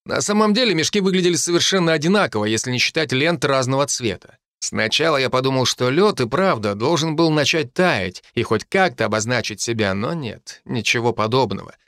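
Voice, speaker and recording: A man narrating an audiobook in first person, measured and even, at a middle pitch. The recording is close and dry, with no audible room. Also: no room sound.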